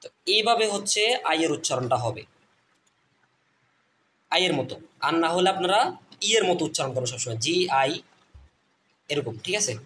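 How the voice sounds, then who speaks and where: A man teaching English reading online, repeating letter sounds slowly and addressing viewers as friends. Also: fairly high pitch, expressive, fairly bright tone, a little hiss or hum. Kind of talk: phonics lesson.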